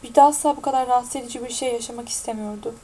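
A woman narrating an audiobook in a steady, even-toned reading. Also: a little high, very fast, a little hiss or hum, rough recording.

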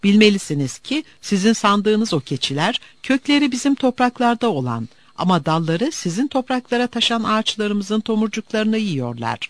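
A man voicing a pompous male chief slowly reading a formal letter in a storybook tale. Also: high voice, big pitch swings, dry recording, pitched above the performer's own voice. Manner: slow, formal.

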